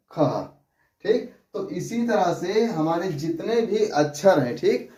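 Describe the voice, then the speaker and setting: A man teaching a lesson, speaking slowly and patiently, repeating syllables and asking rhetorical questions. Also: a little high, fairly bright tone. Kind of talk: classroom lesson on writing and pronunciation. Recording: echoey room, voice from a distance.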